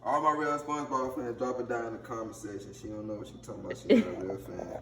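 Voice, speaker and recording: A man's voice: mid-range voice, lively intonation, quick pace, gravelly, fairly bright tone, far from the mic. A man in casual, teasing banter, arguing playfully and repeating himself. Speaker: vlog co-host. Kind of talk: casual chat. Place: home kitchen, indoors. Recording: echoey room with faint noise.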